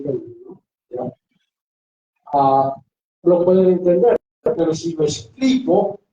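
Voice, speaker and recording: In a classroom lecture, a man who is a pastor leads a Bible workshop and keeps repeating rhetorical questions to the class. His voice is a little high with a dark tone, recorded in an echoey room on a distant, dull lo-fi microphone.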